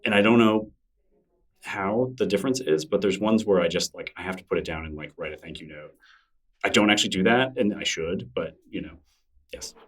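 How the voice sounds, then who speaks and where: Recorded from afar, a middle-aged interview guest speaks in a low-pitched, husky voice at a slightly quick pace. His casual conversation is thoughtful but rambling, packed with fillers and restarts.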